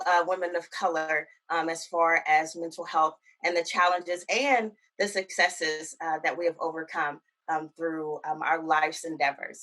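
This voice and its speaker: A woman introducing herself as a director on an online panel, speaking in a measured way with frequent pauses. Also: lowish voice, fairly bright tone. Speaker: veterans health director. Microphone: video call.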